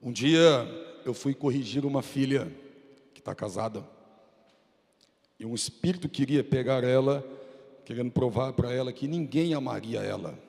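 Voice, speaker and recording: A man's voice: medium pitch, normal speed, vocal fry, long pauses, darkish tone. A man with a Brazilian Portuguese accent preaching a fervent, dramatic sermon as a pastor in a church. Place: church sanctuary. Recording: reverberant church hall.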